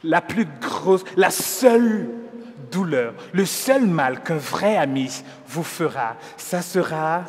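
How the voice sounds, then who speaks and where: A man preaching a sermon, earnest and gently persuasive, measured, often restarting his words. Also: fairly high pitch, animated, in a large hall. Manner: measured, with frequent restarts and stumbles. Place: church hall.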